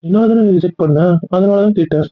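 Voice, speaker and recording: A man's voice: high-pitched, quick pace, no room sound, lightly acted. A man playing a pleading, insecure young lover. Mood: defensive. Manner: pleading, coaxing, repetitive. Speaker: husband or boyfriend. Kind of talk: Tamil audio drama acting. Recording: tinny phone-like recording.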